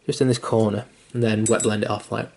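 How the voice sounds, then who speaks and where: Bloke talking thru a mini painting tutorial, kinda low and monotone, loads of ums and likes. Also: male voice, fairly quick, gravelly. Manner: loose and rambling, full of fillers and restarts; mildly self-deprecating and sweary. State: hiccuping.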